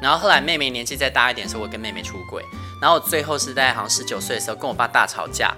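A male podcast host with a soft, thin voice, chatting casually and laughing often with light self-mockery. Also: mid-range voice, lively intonation, rapid-fire, over music. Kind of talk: casual family chat.

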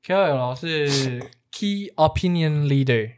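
Higher-voiced Taiwanese man chatting casually. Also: expressive, takes it slowly, clear, resonant tone. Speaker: podcast host. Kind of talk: casual conversational explaining.

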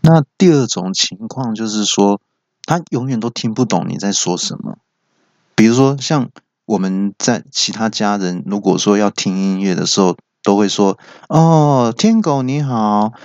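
Animated man telling comic stories. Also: lowish voice, normal speed, no room sound. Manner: animated, stammering restarts. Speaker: comedy podcast host. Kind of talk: comic storytelling. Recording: dry, dull lo-fi.

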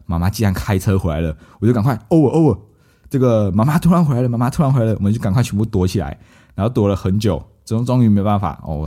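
A man, telling a story casually as a podcast host and acting out his family's lines. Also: sits low. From Malaysia. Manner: lively anecdote-telling, acts out quoted family members.

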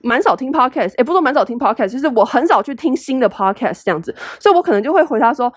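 A woman's voice: sits high, animated, very fast, slightly rough, no echo, clean studio sound. A young woman with a Taiwanese Mandarin accent, hosting a solo podcast in a chatty, self-deprecating way full of fillers. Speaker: podcast host. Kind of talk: casual solo podcast advice.

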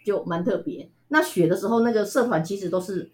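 A woman from Taiwan with a Taiwanese Mandarin accent, telling stories as an interview guest in a chatty, animated way with frequent laughs. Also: mid-range voice, fairly quick. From Tainan, Taiwan. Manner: chatty, animated, laughs often, many fillers. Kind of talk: casual storytelling interview.

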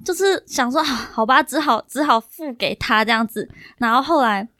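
Young Taiwanese woman guest, high and quick, dry close sound, rambling anecdotes. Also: no echo. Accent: Taiwanese Mandarin. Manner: animated, rambling with many fillers. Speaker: podcast guest. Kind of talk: casual chat, storytelling.

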